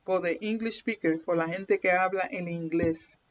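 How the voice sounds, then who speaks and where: In a fairly low, steady voice at a moderate pace, a woman with a Puerto Rican accent chats through a casual livestream card reading. She laughs a lot and keeps checking in with "okay?", all over dull lo-fi stream audio.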